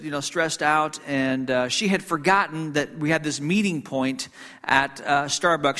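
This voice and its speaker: A man from Hong Kong tells a story as a pastor in a sermon, his voice bright and forceful with a slightly high pitch. He talks conversationally, with frequent fillers and restarts. The sound carries a long reverb from a church hall.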